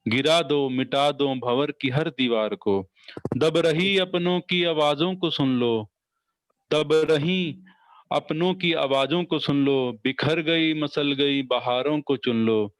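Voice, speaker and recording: Guy reading his poem real slow on a video call, voice keeps dropping out on a bad connection, higher voice, dry sound. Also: no echo. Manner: slow recitation, repeats each line twice. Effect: breaking up over a bad internet connection. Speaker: poet. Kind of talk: reciting poetry on a video call.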